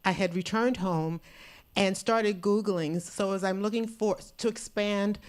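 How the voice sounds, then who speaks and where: Female audience member, meandering and conversational, mid pitch. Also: a little slow, clean tone. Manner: meandering, chatty, laughs lightly. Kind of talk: audience comment at a conference. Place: conference hall.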